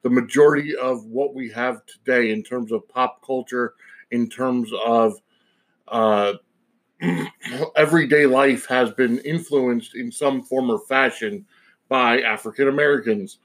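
A man's voice: medium pitch, unhurried, low-quality recording. A man hosting a podcast alone, giving a casual opinion monologue in a rambling, digressive way. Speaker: podcast host.

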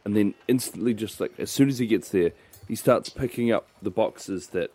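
A man playing a tabletop game, describing his character's actions, animated and swearing freely. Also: on the low side, moderate pace, slightly rough, dry recording. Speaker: player.

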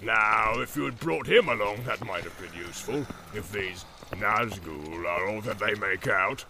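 A man voicing a brutal, boastful male orc captain who barks orders and mocks his rivals in a gravelly voice. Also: on the low side, animated, measured pace, noisy background. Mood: scornful. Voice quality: gravelly, barking. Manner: shouting orders, mocking laughter.

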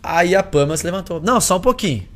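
A young adult man and singer, telling a story in a casual podcast chat, animated and full of slang. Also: high voice, fast talker, slight background noise. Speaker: singer and musician, podcast guest.

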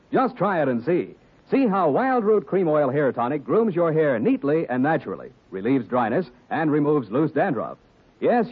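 A man's voice: on the high side, husky. A man announcing in the chipper style of a vintage radio advertisement. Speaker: radio announcer reading sponsor ad. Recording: tinny vintage radio broadcast, music behind.

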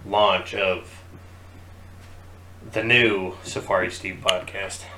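A relaxed man chats and teases as a podcast co-host, and he swears now and then. His voice sits a bit low. Faint noise runs under the recording. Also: slow. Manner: laid-back, teasing, swears casually. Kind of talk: casual chat.

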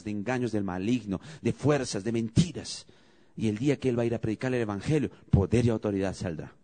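Man, pastor, sermon, animated pitch, emphatic questions to the congregation. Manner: preaching with rising emphatic calls and questions to the congregation.

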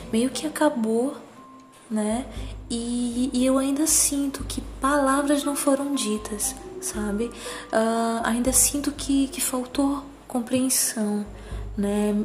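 A woman with a cutesy, soft voice giving a reflective personal monologue in a gentle, hesitant manner, often adding little tag questions. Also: a little high. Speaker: psychologist.

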